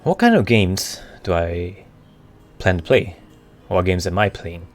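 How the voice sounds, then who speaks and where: A man chatting casually on a live stream, answering questions in a halting way as he searches for the right words. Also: deep voice, animated. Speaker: streamer, VTuber. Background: background music.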